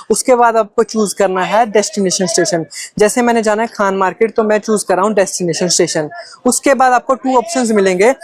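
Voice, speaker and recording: A man's voice: high voice, no room sound. A man with an Indian accent giving step-by-step travel guide narration, instructional and mixing in English phrases. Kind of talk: step-by-step explanatory vlog narration.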